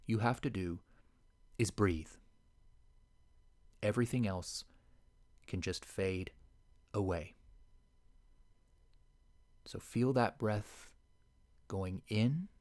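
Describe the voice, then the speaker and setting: Male meditation guide, lowish voice, unhurried, hushed delivery. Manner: soft, slow and soothing, sometimes sinking to a whisper.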